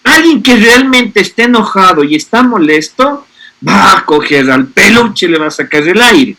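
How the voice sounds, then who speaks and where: High, bright-voiced man explaining. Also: very animated, moderate pace. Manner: keeps checking in with rhetorical questions. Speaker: speaker on a parenting panel. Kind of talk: explanatory talk to parents.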